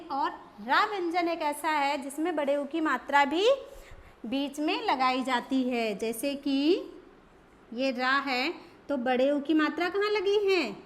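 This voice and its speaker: Slow, high-voiced woman teacher. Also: a bit bright. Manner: slow, drawn-out syllables for children to repeat. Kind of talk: children's Hindi phonics lesson.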